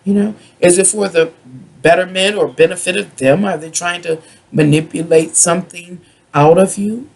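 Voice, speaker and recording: A tarot reader from the United States with a husky, raspy voice that often drops into gravelly fry. The delivery is a rambling, drunken rant, stopping and starting, stretching words and circling back over the same points. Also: mid-range voice, fairly even intonation. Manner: self-described drunken ranting, halting with drawn-out words and repetition. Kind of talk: rambling monologue tarot reading.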